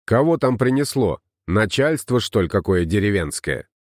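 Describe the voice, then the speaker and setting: A man reading an audiobook, voicing a blind, wounded swordsman who talks gruffly and bluntly. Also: lowish voice, sing-song, moderate pace, no echo, studio quality.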